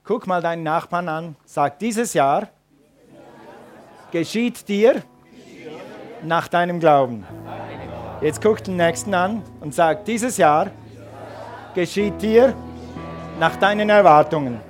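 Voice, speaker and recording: A man's voice: sits high, animated, slow pace, long pauses, soft background music, some chatter behind. A man preaching a sermon and calling his congregation to respond. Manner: preaching with rising emphatic calls to the congregation. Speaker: pastor.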